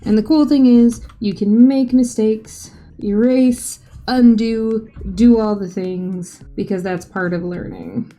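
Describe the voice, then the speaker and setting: A woman's voice: fairly high pitch, steady tone, slow, few pauses, mellow. A woman hosting a drawing tutorial, talking in a casual, chatty voice-over with light self-joking asides. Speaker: art tutorial host. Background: faint background music.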